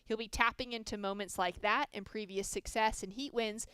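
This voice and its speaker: A woman's voice: medium pitch, steady tone, normal speed, bright, forceful tone, smooth, no room sound. A woman commentating live on a surfing contest, giving fluent, informative play-by-play. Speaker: surf commentator.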